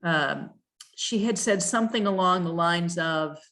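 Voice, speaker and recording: Low-voiced woman reading regulations in a meeting. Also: unhurried, a bit bright. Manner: thoughtful and hesitant, many fillers and restarts. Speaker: town planning staff leading a commission review.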